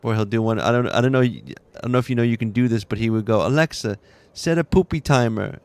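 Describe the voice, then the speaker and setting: A man's voice: medium pitch, steady tone, rapid-fire, darkish tone, clean tone. A man streaming a game from his room at home, chatting casually with viewers and telling rambling, laughing anecdotes full of restarts. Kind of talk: casual chat with stream viewers while gaming.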